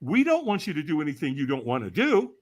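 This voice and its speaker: A man's voice: fairly high pitch, huge pitch swings, fast talker. A man in his sixties from California, a podcast guest telling a story with energy, acting out the voices he quotes and laughing as he goes. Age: 60s. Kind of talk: animated storytelling.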